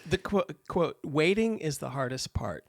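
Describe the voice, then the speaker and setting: A man co-hosting a casual film podcast, talking in an animated, sarcastic way and often slipping into mock quotes. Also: fairly high pitch, moderate pace, no echo, clean studio sound. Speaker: podcast co-host.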